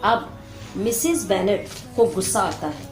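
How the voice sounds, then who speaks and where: A woman teacher explaining a literature lesson, slowly and carefully reading and retelling the text. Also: medium pitch, very animated, soft background music.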